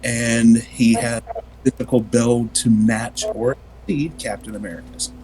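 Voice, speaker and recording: A man's voice: mid-range voice, steady tone, a little slow, darkish tone, slight background noise, poor audio. A man playing a tabletop game, describing his character at length with some hesitant fillers. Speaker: player.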